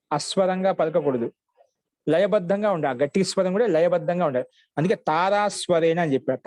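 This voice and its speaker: Guy teaching grammar online, kinda high voice, says every form twice slow so ppl can write. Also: a little mellow, no room sound. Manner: patient, repeats word forms slowly for dictation.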